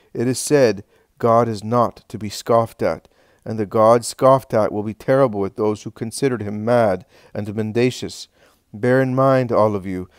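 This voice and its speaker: Man reading solemn teacher figure, low voice, measured and weighty, dry close read. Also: clear, resonant tone, no room sound, close to an everyday voice. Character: solemn male teacher addressing a crowd. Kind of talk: reading a religious text aloud.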